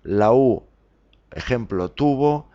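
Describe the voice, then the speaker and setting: A man hosting a podcast lesson, slowly spelling out letters and examples with frequent fillers. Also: medium pitch, lively intonation, mellow, highs cut off. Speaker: Spanish teacher podcast host.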